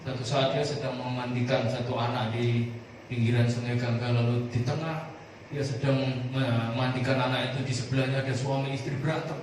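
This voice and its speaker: A man's voice: medium pitch, fairly quick. Man preaching in an echoey hall. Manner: animated, calls on the congregation to answer. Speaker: pastor. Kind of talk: sermon. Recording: echoey room, far from the mic, clear noise.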